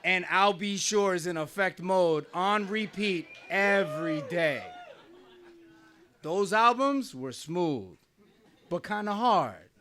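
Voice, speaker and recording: This middle-aged New Jersey man speaks slowly in a high, expressive voice with a sharp tone. He's sharing a wry personal story conversationally before a small live audience, frequently laughing along the way.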